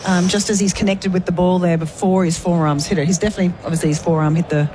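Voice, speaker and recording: Woman, cricket co-commentator, fast talker, conversational analysis, tentative phrasing, clear background noise. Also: fairly low pitch. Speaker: expert co-commentator. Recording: steady ambient noise.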